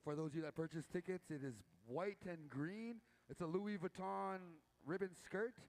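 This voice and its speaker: A man's voice: sits high, normal speed, a little mellow. A man emceeing a powwow from an outdoor announcer's booth, making casual, informal announcements and draw calls.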